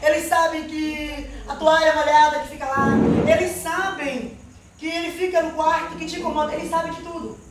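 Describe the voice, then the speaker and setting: A woman's voice: high voice, steady tone, normal speed, very noisy. A woman giving a spoken testimony to a church congregation, earnest and often calling out to the Lord and the brethren. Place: church hall. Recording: very echoey church hall, mic far off.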